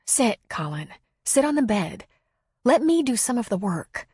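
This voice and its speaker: A woman voicing a playful young woman who speaks in a light, teasing, soft way. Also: a little high, sing-song, a little slow, slightly rough, no room sound, pitched above the performer's own voice, exaggerated voice. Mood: coaxing.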